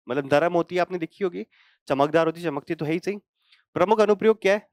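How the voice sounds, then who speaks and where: A man's voice: fairly high pitch, no echo. A man teaching a current affairs lesson for exam prep, asking himself questions and checking in with students as he explains. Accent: Hindi. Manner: explains with rhetorical questions and frequent "thik hai" check-ins.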